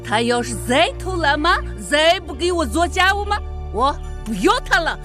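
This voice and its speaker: A woman's voice: high voice, expressive, normal speed, a bit bright, soft background music. An actress playing a fed-up village wife who scolds and complains about her lazy husband. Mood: scolding. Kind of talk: radio drama acting.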